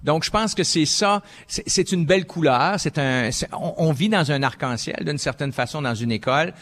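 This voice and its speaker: An older man from Quebec with a Québécois accent, answering as a panelist in a halting way, with many fillers and frequent "ok"s. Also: fairly high pitch, fairly bright tone. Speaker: panelist, former school principal.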